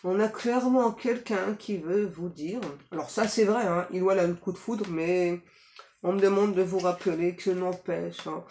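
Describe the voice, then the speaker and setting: A woman's voice: on the low side, fairly even intonation, moderate pace, dark tone. A woman giving a casual psychic reading to viewers, talking in a chatty way with many fillers and tag questions. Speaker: psychic reader. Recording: echoey room, faint noise.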